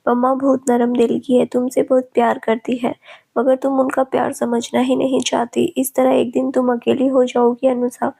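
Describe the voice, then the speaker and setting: A man's voice: very high-pitched, completely flat delivery, moderate pace, vocal fry, dark tone, slightly rough, heavily acted. A woman reading a stern, scolding young husband. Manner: scolding, lecturing.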